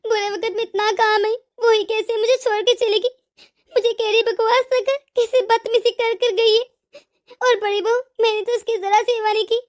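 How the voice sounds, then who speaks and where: A woman doing an old cartoon mother-in-law, weepy, self-pitying, very high shrill voice. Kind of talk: cartoon voice acting.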